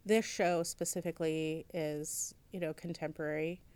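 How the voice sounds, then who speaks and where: Low, smooth-voiced woman curator. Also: fairly even intonation, normal speed, darkish tone. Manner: thoughtful, many fillers and restarts. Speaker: museum curator. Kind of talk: interview conversation.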